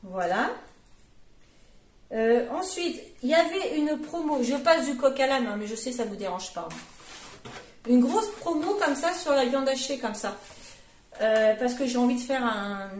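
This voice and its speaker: A mother in her forties rambles through a casual grocery haul on her vlog, full of fillers and self-corrections. Her voice is on the high side and a little mellow, recorded in an echoey room with a touch of hiss or hum.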